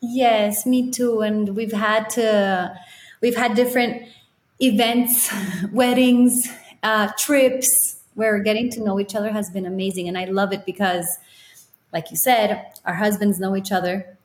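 A young woman from Ecuador, a podcast guest, telling her story in a warm, reflective, often laughing way. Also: medium pitch, steady tone, unhurried. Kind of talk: casual interview chat. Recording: roomy echo.

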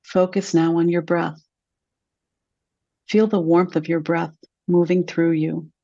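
A woman leading a guided meditation, speaking slowly and softly with long, calm pauses. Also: lowish voice, dry recording, highs cut off. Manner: slow, soft and soothing, with long pauses.

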